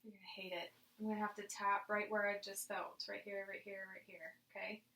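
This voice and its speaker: A woman's voice: medium pitch, little pitch movement, fairly quick, bright, forceful tone, low-quality recording. A woman demonstrating a clinical exam, informally explaining each step and giving instructions to her patient. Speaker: examiner demonstrating a nursing head assessment on a patient.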